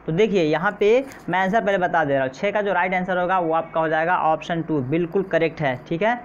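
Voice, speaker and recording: A man's voice: sits high, a little fast. A man teaching an exam-prep lesson who goes through quiz answers, repeats each question and keeps checking in with his listeners. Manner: repeats questions and says "theek hai" often. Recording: slightly dull, faint noise.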